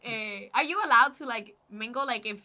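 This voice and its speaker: A woman's voice: on the high side, moderate pace, pushed and bright. A young woman hosting a casual podcast chat, giggly and full of questions. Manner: giggly, chatty, asks lots of questions. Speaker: podcast host.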